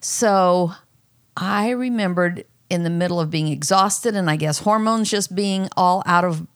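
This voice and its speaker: Earnest middle-aged woman telling her story. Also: a little slow. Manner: earnest storytelling, voice jumps high when quoting herself. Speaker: mother. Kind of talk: candid personal conversation.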